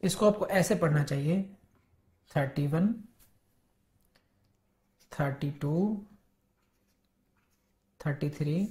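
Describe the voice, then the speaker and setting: A woman with an Indian English accent gives an exam-prep law lecture at an unhurried pace. Her voice is dark and mellow. She mixes Hindi and English, drawing out each word of the legal text before she explains it. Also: low voice. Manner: reads statute text slowly word by word, then explains.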